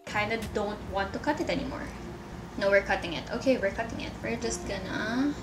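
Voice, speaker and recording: A woman's voice: medium pitch, fairly quick, music in the background. A young woman from the Philippines filming a casual home vlog, talking to the camera in a self-mocking way, swearing and laughing often. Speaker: vlogger. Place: room at home. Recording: echoey room, mic a bit far off.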